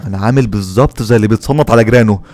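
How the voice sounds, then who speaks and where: A man's voice: fairly low pitch, racing, noisy background. An Egyptian man hosting a reaction video, commenting in a teasing, sarcastic, mock-soothing way.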